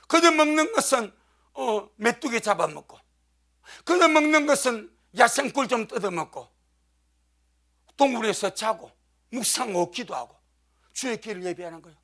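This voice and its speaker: Fervent high-voiced male pastor, gravelly. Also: lively intonation, moderate pace, long pauses, pushed and bright. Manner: fervent, emphatic preaching with frequent amen calls. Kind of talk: sermon.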